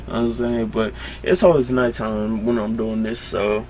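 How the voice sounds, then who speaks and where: Late at night at home, a young man runs his solo podcast in a voice on the low side, level and a little mellow. He rambles slowly and drowsily, interrupts himself, and leans heavily on fillers, with slight background noise in the recording.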